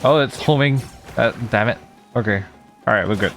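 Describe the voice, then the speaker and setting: A streamer with a medium-pitched voice and moderate pace plays a game and reacts in casual commentary. His reactions are slangy and exclamatory, and game music plays faintly in the background.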